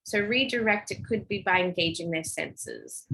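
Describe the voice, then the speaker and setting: A woman's voice: fairly low pitch, normal speed, vocal fry, bright, forceful tone, rough recording. A middle-aged woman giving a casual teaching talk on parenting, chatting freely and acting out little dialogues in a lifted voice. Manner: conversational, acts out quoted dialogue in a lifted voice. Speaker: parenting and emotional intelligence speaker.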